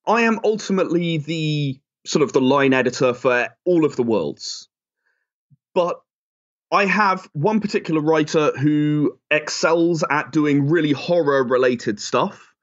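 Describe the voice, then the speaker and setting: A game creator appears as a guest in a conversational interview, giving chatty, enthusiastic and emphatic answers. His voice is a little high and animated at a measured pace, captured in dull, lo-fi audio.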